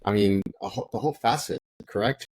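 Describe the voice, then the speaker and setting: A man's voice: fairly low pitch, fast talker, darkish tone, slightly rough, low-quality recording. A man interviewing podcast hosts in a casual way, prompting them with short questions.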